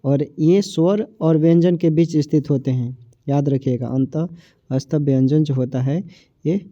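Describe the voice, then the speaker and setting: A man with a Bihari Hindi accent teaches a grammar lesson. His voice sits fairly high but sounds very dark and mellow, and it is recorded dry and a little dull, like a lo-fi mic. He repeats his points and stretches out each sound as he says it. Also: dry recording. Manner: repetitive, asks and answers his own questions; drags out sounds when saying them. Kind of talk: exam-prep grammar lesson.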